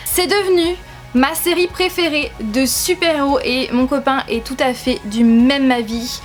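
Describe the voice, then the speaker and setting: A woman's voice: high-pitched, fairly even intonation, unhurried, soft background music. A young woman from France chatting to camera at home about her collectible figures, gushing and enthusiastic, with many hesitations and repeated words. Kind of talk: casual chat to camera.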